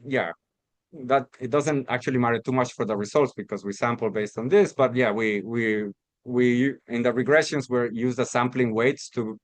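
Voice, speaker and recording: A man from Costa Rica gives an academic research talk, explaining things step by step but with many restarts and repeated words. His voice is mid-range, and the recording is dry.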